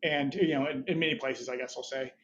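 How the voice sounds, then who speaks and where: A man's voice: medium pitch, steady tone, brisk, a bit bright. Man, thirties, podcast guest, rambling, restarts, a bit muffled, faint background noise. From Budapest, Hungary, raised there as an American. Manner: rambling, many restarts, laughs between thoughts. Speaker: guest, startup founder. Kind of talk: casual interview chat.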